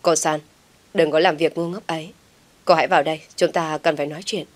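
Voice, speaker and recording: A woman's voice: low-pitched, fairly even intonation, fairly quick, natural voice. A woman doing a blunt, stern young man. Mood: firm. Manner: blunt and firm.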